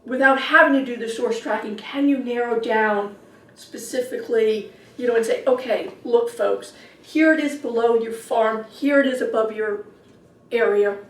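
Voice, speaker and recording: A woman presenting a funding request at a public meeting, talking fast and apologetic in a casual way. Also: a little high. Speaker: agency presenter. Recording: echoey meeting room from a distance.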